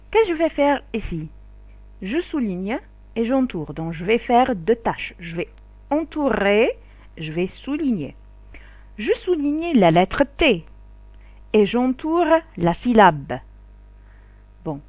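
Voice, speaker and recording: A woman teaching a phonics lesson to children, sounding out and repeating each syllable loudly and slowly. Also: fairly high pitch, no room sound.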